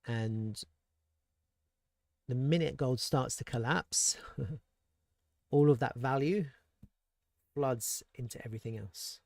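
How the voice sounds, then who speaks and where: A man's voice: mid-range voice, slow, creaky, pauses often, darkish tone, dry recording, studio quality. A man giving casual, thinking-aloud commentary on crypto charts and world events, with rhetorical asides and frequent restarts. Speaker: crypto market analyst.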